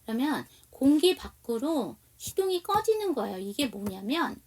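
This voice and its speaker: A woman teaching English to Korean speakers, reading English lines slowly with a Korean accent and explaining them in Korean, often asking her listeners questions. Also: high-pitched, big pitch swings, a little mellow, far from the mic. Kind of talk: slow explanatory language lesson.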